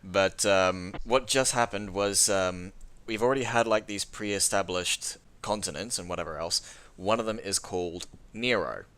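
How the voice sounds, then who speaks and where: A young man playing a tabletop game, explaining things hesitantly with many pauses in casual chat with friends. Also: low-pitched, fairly bright tone, clean tone. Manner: hesitant, full of ums, explaining loosely. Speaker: player.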